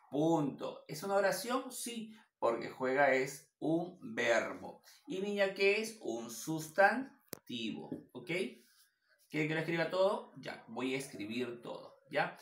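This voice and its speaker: A male teacher giving a classroom lecture at the board, asking questions and answering them himself, spelling words out slowly. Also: on the high side, fairly bright tone. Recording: echoey classroom.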